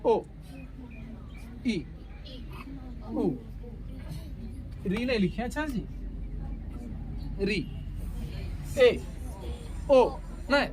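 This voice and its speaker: A woman teacher dictates notes at a very unhurried pace in a fairly high voice. She repeats every phrase and keeps asking the class to echo terms back. Faint traffic hums behind her. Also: animated. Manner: slow, repetitive, asks the class to echo key words back. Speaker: Hindi grammar teacher.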